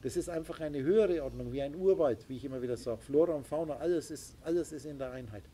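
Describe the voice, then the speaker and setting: A man with a somewhat high, dark-toned voice speaks quickly, lecturing a small group as their spiritual teacher. He is emphatic and insistent and makes sound effects, with faint noise in the background.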